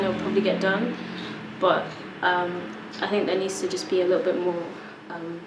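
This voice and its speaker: A young woman speaks thoughtfully and steadily. Her voice is fairly low and level. Echo and noise fill the room. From London. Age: young adult. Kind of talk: interview answer.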